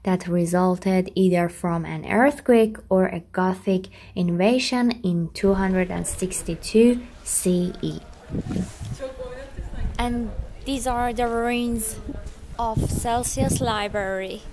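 Slow-talking woman touring ruins outdoors. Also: medium pitch, mellow, slight background noise. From Iran. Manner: chatty, curious, nonnative phrasing. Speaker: travel vlogger. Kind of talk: walking travel vlog tour. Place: outdoors among ancient ruins. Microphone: camera held at arm's length.

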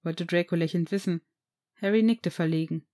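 A woman narrating a fan-fiction audiobook in an even, unhurried reading voice. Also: fairly low pitch. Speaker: reader.

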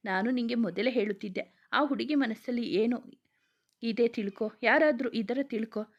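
Casting: woman doing a blunt, protective young male best friend for a storybook, brisk, slightly high. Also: muffled recording. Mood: scolding. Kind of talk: storybook reading.

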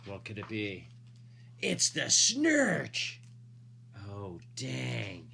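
Very slowly, a father reads a picture book in a lowish, gravelly voice with a sharp tone and huge swings in pitch. He stretches out emphasized words and sprinkles in playful, casual asides to listeners, with slight background noise.

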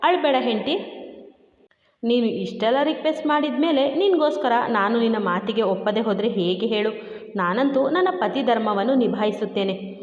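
A woman's voice: a little high, normal speed, lightly acted. A woman voicing a sarcastic young husband who teases his wife in a smug, mocking way, in a story reading. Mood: teasing. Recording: dull echoey room with long reverb.

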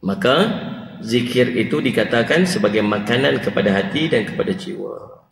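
A man giving a mosque lecture, moving between calm teaching and playful mimicry. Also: fairly low pitch, normal speed, vocal fry. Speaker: religious teacher. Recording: echoey hall with faint ambient noise.

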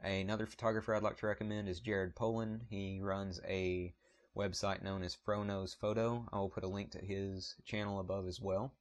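For his photography channel, a man with a low voice and heavy Southern US drawl talks to camera in a relaxed way at normal speed, with little pitch movement. He drifts a little and fills his talk with ums and apologies, captured by a compact point-and-shoot camera mic.

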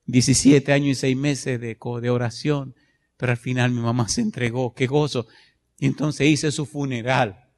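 A middle-aged man pastor preaching a sermon, telling personal stories with passion and swinging from loud bursts to hushed moments. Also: medium pitch, fairly even intonation, moderate pace.

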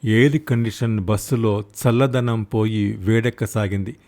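A man's voice: steady tone, unhurried, dark tone. A man reading a village story aloud as an audiobook storyteller, acting out the characters in turn. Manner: voices characters with raised pitch and volume. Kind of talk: dramatic audiobook narration.

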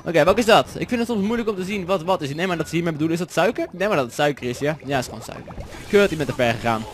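Man, Dutch accent, gaming commentary, jokey, swears a lot, slightly high voice. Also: lively intonation, racing. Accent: Netherlands Dutch. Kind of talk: let's play commentary.

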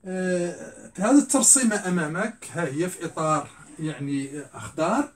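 A middle-aged man teaching a classroom grammar lesson, repeating words slowly and asking and answering his own questions. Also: sits high. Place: classroom with a blackboard.

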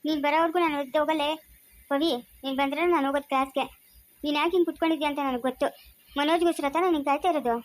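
A young woman playing a blunt, practical student friend who talks in a brisk, scolding way in a family skit. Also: high voice, fairly even intonation, close to an everyday voice. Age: young adult. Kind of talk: amateur family skit acting.

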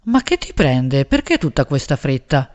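A woman's voice: a bass voice, sing-song, moderate pace, darkish tone. A woman reading aloud and doing a nosy, gossipy man who pries into his friend's love life, teasing and insistent. He is lightly exaggerated, as in a storybook read aloud, on a slightly dull, lo-fi recording.

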